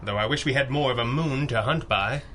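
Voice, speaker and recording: An actor playing a composed, commanding masked crimefighter in a 1930s radio drama, measured, formal and dryly wry. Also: male voice, mid-range voice, bright, forceful tone, a little hiss or hum, close to an everyday voice. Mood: grave, businesslike.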